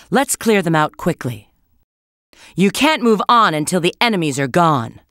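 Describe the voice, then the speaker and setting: A woman's voice: fairly low pitch, fairly bright tone, no echo, clean studio sound. A woman voicing a confident, sly adult female bat treasure hunter in a video game, coaching with a cool, knowing tone. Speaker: game character giving hints. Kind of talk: game voice acting.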